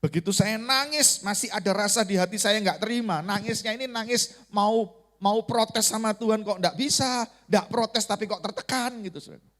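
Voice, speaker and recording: A man from Indonesia, a pastor, preaching a sermon in an earnest storytelling manner that swings between raised emphasis and hushed, quiet passages. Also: high voice, moderate pace. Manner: earnest storytelling with sudden rises and hushed drops; calls the congregation "saudara".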